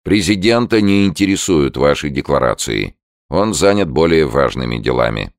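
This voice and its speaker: A curt, dismissive palace officer, as an audiobook reader puts him on. The voice is very deep and gravelly, lifted a little for the commands. It sounds close and dry. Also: male voice, sing-song, normal speed, no room sound, heavily acted. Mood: curt, stern. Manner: categorical, clipped.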